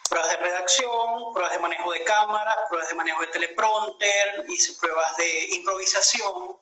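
At a moderate pace and in a high voice, a man in his late thirties with a Venezuelan accent tells his story as a guest on a video call. He's reflective and hesitant, and the audio has an echoey room and a noisy background.

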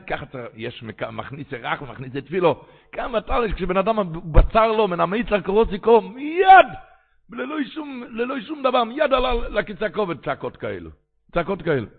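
A man who is a rabbi, giving a Torah sermon with animated preaching and sudden cries. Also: fairly high pitch, breathy edge, narrow, tinny audio.

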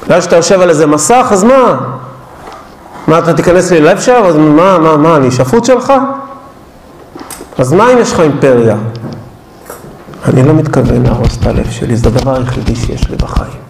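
A man delivers a fervent holiday sermon, firing off rhetorical questions. His voice sits high for a man. The room around him rings with a noticeable echo. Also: gravelly, pauses often, slight background noise. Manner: impassioned, full of rhetorical questions. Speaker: preacher. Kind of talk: Hanukkah sermon.

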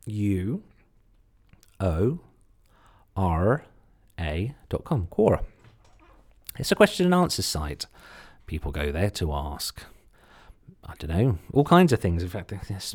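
A man's voice: sits low, darkish tone. A man with a slight Suffolk English accent giving a casual instructional podcast talk, chatty and full of self-deprecating asides. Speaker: podcast host, content marketer.

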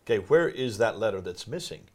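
A man's voice: on the low side, very animated, brisk, a little mellow. A man hosting a discussion, explaining texts in an emphatic, teacher-like way. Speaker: host.

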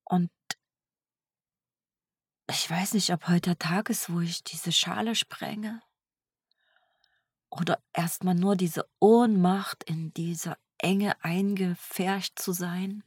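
A woman speaking softly in an introspective self-dialogue, searching for words and often sinking into a whisper. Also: on the low side, steady tone, takes it slowly, pauses often, breathy edge, no room sound. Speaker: energy healer.

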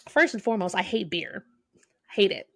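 A woman's voice: medium pitch, animated, normal speed, creaky, a crowd in the background. A young woman co-hosting a podcast, earnest and emphatic and often laughing. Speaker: podcast co-host. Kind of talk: casual chat.

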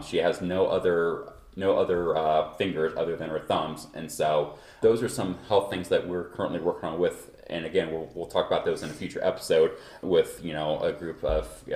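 Feeling slightly under the weather, a podcast host from Kansas, USA, chats casually and rambles. He has a low, somewhat mellow voice, captured in an echoey room.

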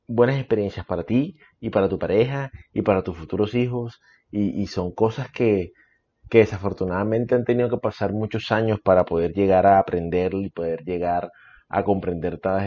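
A man in casual podcast conversation, giving his opinions earnestly and repeating phrases for emphasis. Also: low-pitched. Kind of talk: casual chat. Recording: slightly dull, lo-fi sound.

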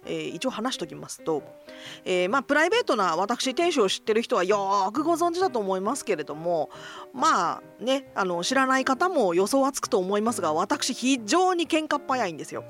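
A woman's voice: fairly high pitch, very animated, fairly quick, a bit bright, faint music behind. A middle-aged woman hosting a casual solo radio-style talk, self-deprecating and joking, mixing polite forms with slang. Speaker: host of a solo voice blog.

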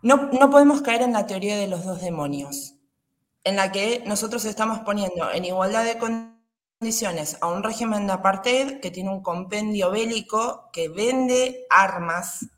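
A woman's voice: mid-range voice, measured pace. A woman, speaking earnestly as an interview guest while her call audio keeps breaking up. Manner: earnest and argumentative, with frequent restarts. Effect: choppy, breaking-up internet call audio. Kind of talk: political commentary over a video call. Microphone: remote call microphone.

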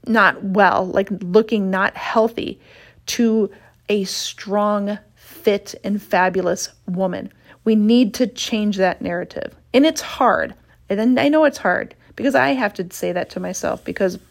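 A woman in her fifties talking straight to her audience about women's health and fitness, blunt and passionate, swearing casually and sighing in exasperation. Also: mid-range voice. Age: 50s. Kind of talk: casual monologue to camera.

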